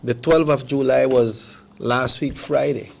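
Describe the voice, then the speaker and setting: A man's voice: mid-range voice, steady tone, measured pace. A man with a Belizean Creole accent co-hosting a conversational political discussion. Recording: clear background noise and ambience.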